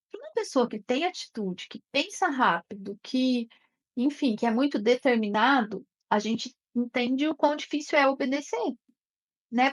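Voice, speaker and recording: A woman teaching an online class in a conversational way, often checking in with her listeners. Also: high-pitched. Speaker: therapist teaching an online course. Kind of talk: live online class talk.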